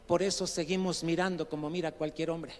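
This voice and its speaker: A male pastor preaching a sermon, swinging from quiet asides to loud, rising outbursts and questioning his congregation directly. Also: on the high side, little pitch movement, fairly quick. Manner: addresses listeners as brother, asks questions of the congregation. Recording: long hall reverb.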